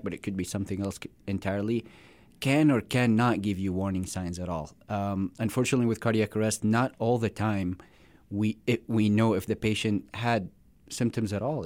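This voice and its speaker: A man in his thirties from Syria, a cardiologist guest explaining heart conditions in a measured way with frequent hesitations. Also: on the low side, a little mellow. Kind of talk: medical interview.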